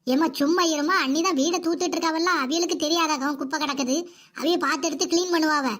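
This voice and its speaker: A woman's voice: high voice, fairly even intonation, fast talker. A woman voicing a kind, protective young sister-in-law in a cartoon comedy. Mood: concerned. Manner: gentle, concerned.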